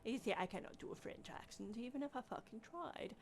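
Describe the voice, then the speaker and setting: A woman's voice: fairly high pitch, animated, a little fast. Gushing, chatty woman roleplaying a mayor. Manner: chatty, gushing, swears casually. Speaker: streamer playing a town mayor. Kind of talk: in-character roleplay chat.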